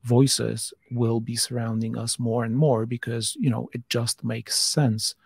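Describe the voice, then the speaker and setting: A man's voice: medium pitch, level tone, unhurried, vocal fry, husky, dry recording, clean studio sound. A man talking as a guest on a panel podcast, thinking aloud with frequent restarts and fillers. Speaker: podcast guest, voice tech company founder. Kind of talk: casual panel discussion.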